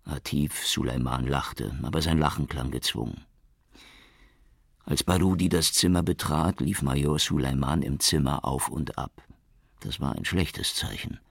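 Deep, gravelly male audiobook narrator. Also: a little slow, no echo, studio quality. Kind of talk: scripted narration.

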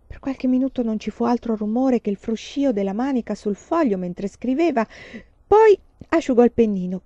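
A woman reading a novel aloud in a calm, measured storytelling manner. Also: medium pitch, dry recording, muffled recording. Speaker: audiobook reader.

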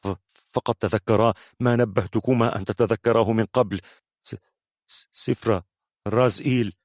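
A man's voice: fairly low pitch, fairly even intonation, normal speed, darkish tone, no echo. A man voicing a nervous male storyteller of hidden lore who stammers heavily on his first sounds. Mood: nervous, secretive. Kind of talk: audiobook character voice.

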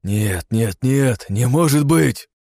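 A man voicing a furious, greedy aristocrat who shouts and snarls. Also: on the low side, normal speed, dry recording, pitched above the performer's own voice, lightly acted. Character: furious greedy middle-aged male aristocrat.

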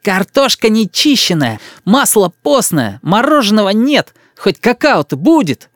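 A man voicing a spoiled, bossy little boy who whines and demands in a shrill, drawn-out voice. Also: big pitch swings, no room sound, studio quality. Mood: demanding.

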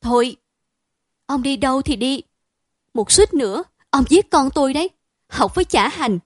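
A woman voicing a distraught, doting mother who wails and scolds loudly, in a dry, close reading. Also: fairly high pitch, measured pace, dry recording. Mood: wailing, scolding. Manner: loud, wailing, scolding.

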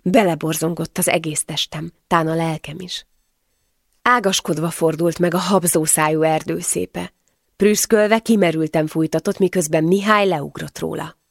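A woman's voice: low voice, gravelly, no echo, studio quality. A woman narrating a first-person novel as an audiobook, with emotional storytelling.

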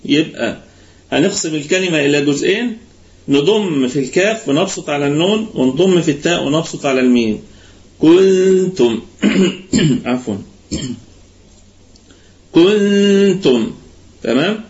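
A man with an Egyptian Arabic accent teaching Quran recitation in an online lesson, patiently explaining and stretching words out slowly to demonstrate them. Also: a little high, animated. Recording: muffled online voice-chat audio.

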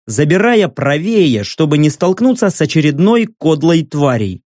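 Expressive male audiobook narrator. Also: fairly high pitch, no room sound, clean studio sound. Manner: expressive, lively reading. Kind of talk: scripted first-person audiobook narration.

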